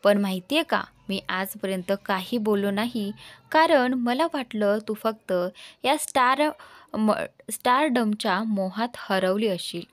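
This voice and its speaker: A woman's voice: medium pitch, a little slow, no room sound, natural voice. A woman voicing a jealous young man who speaks in a cutting, sarcastic way to his lover. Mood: furious.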